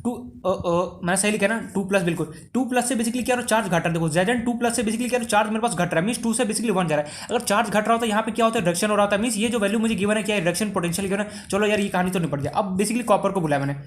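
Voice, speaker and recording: Rapid-fire young Indian chemistry tutor. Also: male voice, sits high. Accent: Indian Hindi. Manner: rapid, talks in one breath, asks and answers himself. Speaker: chemistry teacher. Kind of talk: fast explanatory lesson.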